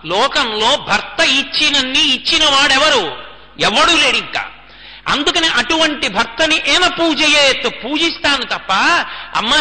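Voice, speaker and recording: A man's voice: very high-pitched, sharp tone, heavily acted. A man voicing a devoted young princess wife who reasons earnestly with her mother-in-law, with long hall reverb.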